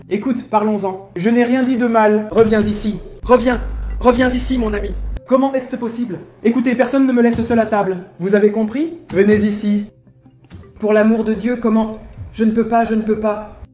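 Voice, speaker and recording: A man's voice: high-pitched, natural voice. A man playing a grumpy bossy old man. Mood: indignant. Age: older. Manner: overbearing, lecturing, loud complaints. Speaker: visiting father.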